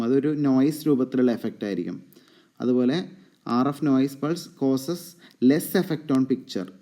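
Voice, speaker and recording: A man with a Malayali accent giving an exam-prep lecture. He asks the class questions, answers them himself, and reads English definitions out slowly. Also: mid-range voice, warm tone, roomy sound. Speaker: exam coaching teacher.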